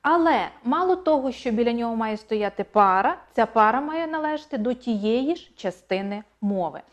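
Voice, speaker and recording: A woman's voice: a little high, expressive, normal speed. Emphatic woman teaching an online lesson. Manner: clear, emphatic, repeats key points. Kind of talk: online exam-prep lesson.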